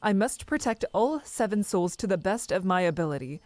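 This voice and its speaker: A woman's voice: medium pitch, expressive, fairly quick, darkish tone, dry recording, natural voice. A woman voicing a stern, duty-bound female starship captain in a game, speaking formally in clipped sentences. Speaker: ship captain. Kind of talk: game voice acting.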